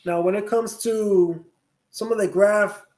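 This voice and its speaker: A man's voice: high voice, steady tone, unhurried, a little mellow. A man interviewing a guest in a laid-back, casual way, prompting him with questions. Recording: roomy echo.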